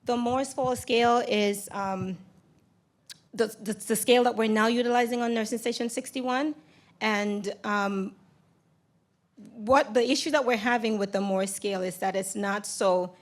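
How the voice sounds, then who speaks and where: A nervous woman with a raspy, cold-roughened voice gives a conference presentation into a handheld microphone, in a halting, hesitant way. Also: fairly high pitch. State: raspy voice from getting over a cold. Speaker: nurse presenter. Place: lecture room at a podium, indoors.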